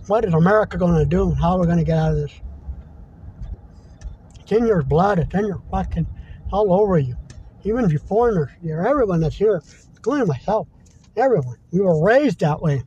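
Male podcaster, high pitch, mellow tone, heated profane rant, dull lo-fi sound. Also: lively intonation, brisk, long pauses, a little hiss or hum. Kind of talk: impassioned monologue. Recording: dull lo-fi recording.

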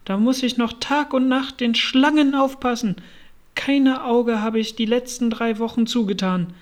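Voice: mid-range voice, steady tone, unhurried, voice pushed up, natural voice. A reader voicing a fretful, indignant mother pigeon in a storybook. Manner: shrieking, indignant and scornful. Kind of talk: storybook reading.

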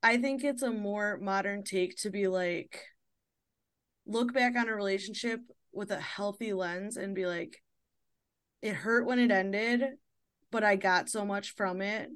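A woman's voice: medium pitch, measured pace, fairly bright tone, smooth. A woman in her thirties hosting a podcast, chatting casually and laughing often, with lots of fillers. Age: 30s. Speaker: podcast host.

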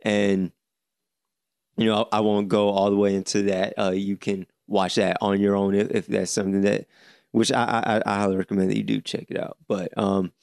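A man in his late twenties hosting a solo podcast, speaking earnestly with many halting restarts. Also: on the low side, level tone, vocal fry, a little mellow, clean tone, dry recording, clean studio sound. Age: 20s. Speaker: podcast host.

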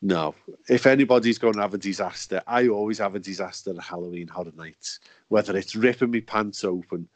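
A man's voice: on the low side, brisk, dry recording. A man hosting a podcast, chatty and joking, laughing often as he talks. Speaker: podcast host. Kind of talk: casual chat.

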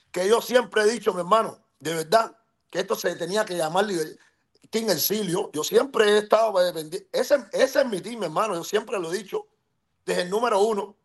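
A man with a Cuban accent talks in a high, ringing voice on a podcast. He is passionate and emphatic and leans hard into every point. He cuts in to keep the floor and keeps asking whether his listener understands. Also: fairly quick. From Cuba. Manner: insistent, interrupts to hold the floor. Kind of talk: heated podcast talk.

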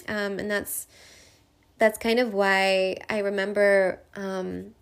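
A woman host speaking openly and heartfelt about grief and healing, often laughing softly between thoughts. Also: medium pitch. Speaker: podcast host. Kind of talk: emotional personal monologue.

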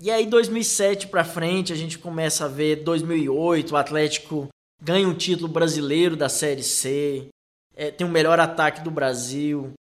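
A Brazilian man telling personal stories as a football fan, in an animated, emphatic way. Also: on the high side, moderate pace. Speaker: football fan recounting club history. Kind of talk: personal storytelling.

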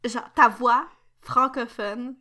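Québécois woman co-host, expressive, somewhat high, bright and forward. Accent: Québécois French. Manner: enthusiastic, expressive, quick to exclaim. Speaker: podcast co-host. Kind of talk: casual chat.

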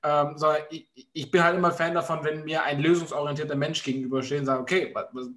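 A man's voice: fairly high pitch, little pitch movement, fast, a bit bright. A man co-hosting a casual talk, blunt and jokey, swearing freely. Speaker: podcast co-host. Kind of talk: casual chat.

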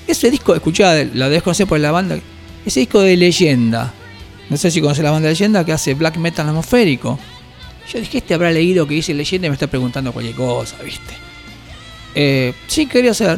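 A man in his fifties with an Argentine accent, a record shop owner telling animated, slangy anecdotes in an interview. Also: high-pitched. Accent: Rioplatense Spanish. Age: 50s. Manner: animated anecdotes, slangy, acts out quoted voices. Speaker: guest, record shop owner and metal musician. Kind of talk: casual storytelling interview.

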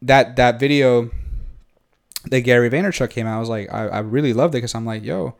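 A man's voice: mid-range voice, moderate pace, gravelly. A man with a Puerto Rican Spanish accent, co-hosting a casual podcast chat in a laid-back, slangy way and dropping in English phrases. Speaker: podcast co-host.

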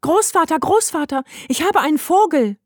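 A woman voicing an excitable, outspoken little girl who blurts out her words eagerly, in a storybook reading. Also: high voice, moderate pace, no echo, clean studio sound, pitched above the performer's own voice. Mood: excited. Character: excitable, forthright young girl.

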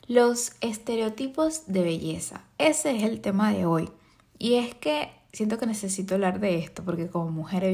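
A woman's voice: medium pitch, a little mellow. Venezuelan woman hosting a chatty podcast. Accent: Venezuelan Spanish. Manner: conversational, with frequent fillers and tag questions. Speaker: podcast host, makeup artist. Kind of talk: casual podcast monologue.

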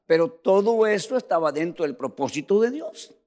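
A man preaching a sermon in a church, animated, often calling his listeners "brother" and swinging between loud and soft. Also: high voice, normal speed.

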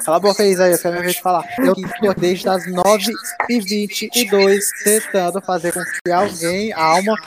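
High-voiced Brazilian man complaining. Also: fairly even intonation, moderate pace. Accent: Brazilian Portuguese. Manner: exasperated, complaining in slang. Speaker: student. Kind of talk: casual online chat. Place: online video call. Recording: noisy online call audio.

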